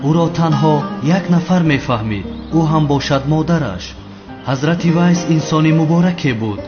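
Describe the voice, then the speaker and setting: Guy voicing a calm solemn preacher, sermon, guitar music under it. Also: a little high, lightly acted. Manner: measured, solemn. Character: solemn male preacher addressing a congregation. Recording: dull lo-fi with loud music.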